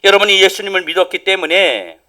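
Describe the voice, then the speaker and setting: Male pastor, sermon, high lively voice, bright and forceful, loud then hushed. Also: fast talker. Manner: emphatic preaching, rising loud then dropping to near whisper. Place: church sanctuary.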